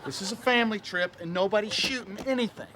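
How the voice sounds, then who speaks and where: A man's voice: high voice, quick pace, very noisy. A man playing an exasperated, wisecracking family man in a sitcom. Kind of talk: sitcom acting. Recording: studio sitcom with audience laughter.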